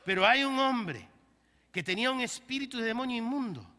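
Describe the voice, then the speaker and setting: Male pastor, sermon, call-and-response, sudden loud bursts, sharp voice, reverberant hall. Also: extremely high pitch, expressive, brisk.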